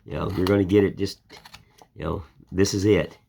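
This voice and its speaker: This older American woodcarving host has a low, creaky, dark-toned voice with fairly even intonation and normal speed. He rambles folksily and plainly in casual conversation as he displays his carving. A little hiss or hum sits in the recording.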